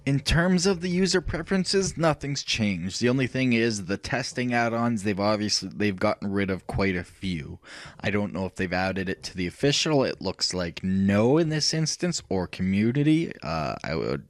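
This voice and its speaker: Casual rambling man demoing software. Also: on the low side, animated, moderate pace, no room sound. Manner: thinking aloud, rambling with fillers and self-corrections. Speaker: software tutorial host. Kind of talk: casual screen-recorded software walkthrough.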